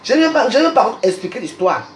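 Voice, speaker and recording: A Cameroonian woman, a social media personality, fires off an aggressive live online rant in Cameroonian French, repeating insult after insult. Her fairly high voice swings widely in pitch and moves fast. The phone recording has a roomy echo and slight background noise.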